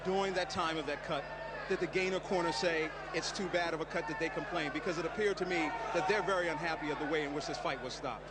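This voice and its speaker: A man's voice: a little high, fast talker. A man doing a live post-fight interview as a ringside reporter, with pressing, challenging questions. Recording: loud arena crowd and noise.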